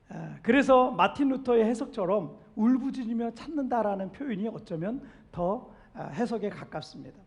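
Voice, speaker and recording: A male pastor from South Korea giving a Sunday sermon in a church sanctuary. He preaches emphatically, swelling louder on questions and pleas and then dropping soft. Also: high-pitched, gravelly, slightly rough. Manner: acts out what doubters say. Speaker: senior pastor.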